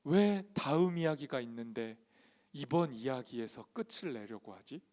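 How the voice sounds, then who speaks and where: A man's voice: medium pitch, lively intonation, normal speed, darkish tone. A man preaching a sermon to a youth congregation, emphatic and full of rhetorical questions put to the listeners. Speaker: youth pastor.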